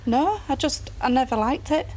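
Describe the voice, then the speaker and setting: A woman's voice: sits high, expressive, moderate pace, warm tone, slight background noise, rough recording. A woman giving a personal account in a plain-spoken, down-to-earth way. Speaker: phobia sufferer and guest.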